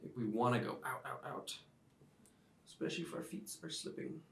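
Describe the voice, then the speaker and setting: A man teaching a yoga class, giving calm step-by-step cues timed to the breath. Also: mid-range voice, normal speed, vocal fry, slight background noise. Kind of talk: guided yoga class instruction. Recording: roomy sound, mic at a distance.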